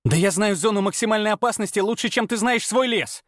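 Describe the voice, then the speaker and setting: A man reading aloud and voicing a furious, centuries-old female werewolf who lashes out in scornful shouts. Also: a little fast, dry recording, studio quality. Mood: indignant. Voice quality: shrill, shouting. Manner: scornful and explosive.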